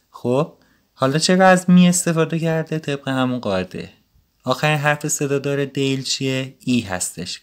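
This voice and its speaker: A man giving a casual, patient language lesson, explaining grammar rules step by step. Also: mid-range voice. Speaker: Turkish language teacher.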